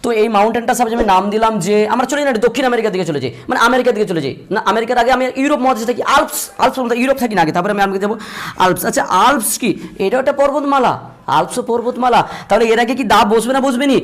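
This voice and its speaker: A man teaching a grammar lesson, repeating points and slowing down to spell out examples. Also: extremely high pitch, fairly bright tone. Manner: repetitive, drills points, slows to spell out examples. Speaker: English teacher.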